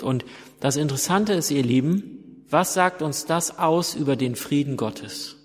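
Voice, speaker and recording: A man preaching a sermon, retelling stories slowly and emphatically with dramatic pauses. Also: fairly high pitch, a little mellow. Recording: long hall reverb.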